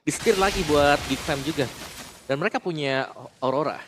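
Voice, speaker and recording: A man's voice: on the high side, moderate pace, noisy background. A man giving analytical live esports commentary in a conversational, explanatory way.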